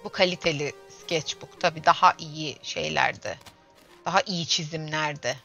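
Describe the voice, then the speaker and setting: A woman's voice: low-pitched, unhurried, vocal fry, bright, forceful tone. A young woman in her twenties streaming a game, chatting casually and grumbling and exclaiming to herself as she plays. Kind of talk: casual gameplay livestream chat. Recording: dull lo-fi stream audio with faint game music.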